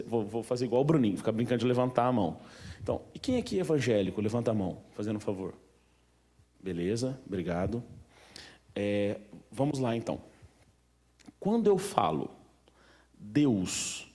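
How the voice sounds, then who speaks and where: A man's voice: medium pitch, a little mellow. A man with a Brazilian accent giving an informal talk to an audience at a museum event, chatty and full of questions to the room. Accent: Brazilian Portuguese. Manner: chatty, asks the audience questions, many fillers.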